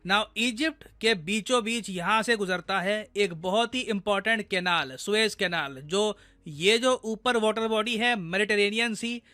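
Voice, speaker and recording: A young man with an Indian accent explains foreign affairs in a chatty way and speaks straight to his audience. His voice sits high and sounds bright. It is smooth and clear. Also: unhurried, hardly any pauses. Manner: conversational, addresses viewers directly. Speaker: news explainer.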